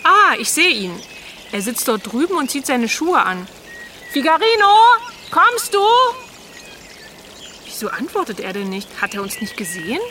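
An actress playing a brisk young hiker who gets cross quickly, in a children's radio play. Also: female voice, a little high, very animated, sharp tone, a little hiss or hum. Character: young woman, easily annoyed hiker.

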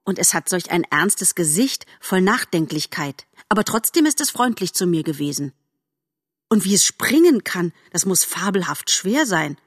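A woman's voice: fairly low pitch, very animated, moderate pace, slightly rough, dry recording, studio quality. A woman voicing a young, polite male fawn in a storybook, eager and modest. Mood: excited.

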